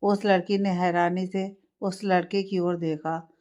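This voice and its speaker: A woman's voice: on the low side, little pitch movement, unhurried, a little mellow. Woman narrating a family story.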